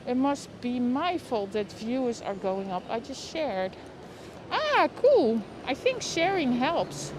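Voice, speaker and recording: A very animated livestream host with a Dutch accent chats her way through an outdoor walk, her voice high and her pace unhurried. She reacts out loud and speaks directly to viewers by name in casual commentary, captured on a lapel mic amid clear traffic and street noise.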